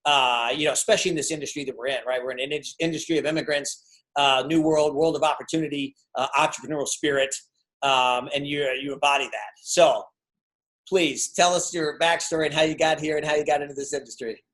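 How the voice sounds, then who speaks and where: A man's voice: fairly high pitch, steady tone, fairly quick, fairly bright tone, poor audio. A man hosting an interview, upbeat and enthusiastic, with a friendly manner. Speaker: host. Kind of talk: conversational interview.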